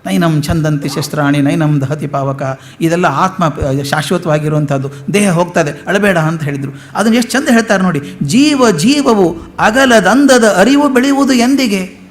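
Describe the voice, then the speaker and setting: A man giving a lecture on poetry, reciting verses slowly and then explaining them in quick conversational asides. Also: high voice.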